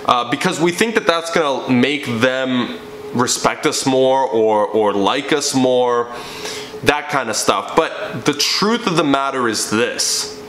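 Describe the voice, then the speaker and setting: A young man who coaches fitness shares his own story on camera from his living room, sitting in frame and speaking slowly in a mid-range, slightly bright voice. His tone is emphatic, almost sermonizing. Slight background noise and an echoey room with faint ambience color the audio.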